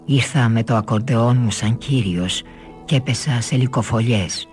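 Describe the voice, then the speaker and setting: A man's voice: mid-range voice, soft background music, natural voice. A narrator voicing a wary, gloomy man who plays the accordion, speaking sternly, in a radio novel reading.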